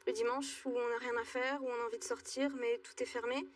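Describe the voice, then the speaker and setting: Hesitant young woman from Alsace, high voice. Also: level tone, recorded from a distance. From Alsace, France. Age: 20s. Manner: hesitant, halting with many fillers. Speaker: guest. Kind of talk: talk show testimony. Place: TV studio.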